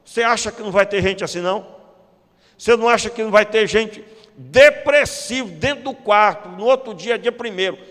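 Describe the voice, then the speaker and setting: A Brazilian man with a Brazilian Portuguese accent delivers a sermon in a slightly high voice. He leans hard on key words, slowing down to drive them home, and drops in joking asides. His voice carries a long reverb from a church hall. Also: fairly bright tone. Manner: emphatic preaching that slows down to stress key words, with joking asides. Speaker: pastor.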